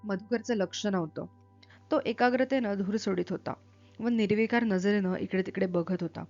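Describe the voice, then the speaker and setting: A woman reading a literary novel aloud, narrating in a measured, steady way. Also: mid-range voice. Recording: dull lo-fi with faint music.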